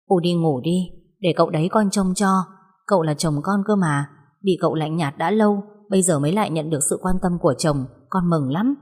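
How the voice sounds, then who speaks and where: A woman's voice: lowish voice, natural voice. A woman doing a coolly polite young wife. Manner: calm, measured. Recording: long hall reverb.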